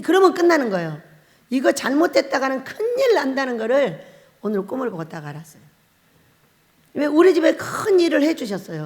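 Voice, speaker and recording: A woman pastor giving a revival sermon, telling stories and acting out the voices she quotes. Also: on the high side. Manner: storytelling, acts out quoted voices, laughs often. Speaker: pastor, head of a fasting prayer house. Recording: long hall reverb.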